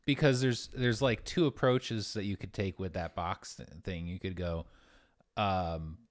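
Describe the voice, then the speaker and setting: A man's voice: deep voice, steady tone, a little slow. A man co-hosting a podcast, chatting casually and dropping dry, wry quips. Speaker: podcast co-host. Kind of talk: casual chat.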